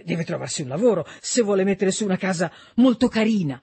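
A man's voice: high voice, expressive, fast, mellow, breathy edge, heavily acted. A man reading an audiobook, voicing a blunt, unstable adult son who talks in a sardonic, needling way.

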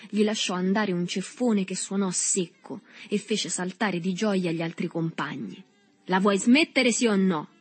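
Husky-voiced woman reading a novel. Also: fairly low pitch. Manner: steady literary reading. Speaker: narrator. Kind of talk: scripted narration of a novel.

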